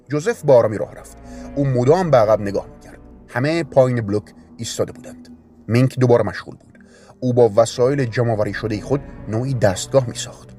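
Calm male audiobook narrator. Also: mid-range voice. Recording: narration with faint music bed.

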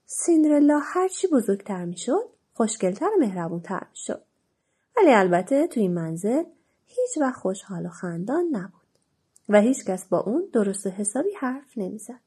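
A woman narrating a children's storybook in an expressive, animated way, with a husky voice. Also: medium pitch.

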